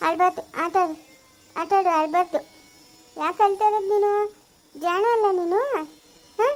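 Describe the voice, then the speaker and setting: A woman playing a gentle orphanage caretaker who soothes a crying child with repeated coaxing words, in a homemade family skit. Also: very high voice, moderate pace, soft background music. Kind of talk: amateur family skit acting.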